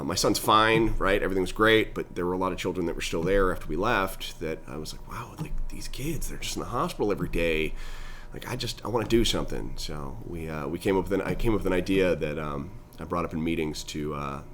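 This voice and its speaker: A middle-aged man, a guest in an interview, telling animated stories about his nonprofit. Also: slight background noise. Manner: animated storyteller, pitch climbs when excited. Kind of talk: conversational interview storytelling.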